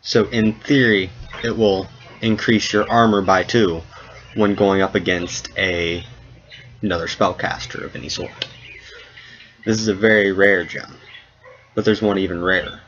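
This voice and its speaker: This man's game-master narration for a tabletop RPG is a little slow, with long pauses, fairly even intonation, and a slightly bright voice. He keeps it casual, does the characters' voices, and chuckles at his own tale, all captured in dull low-fi audio with faint noise.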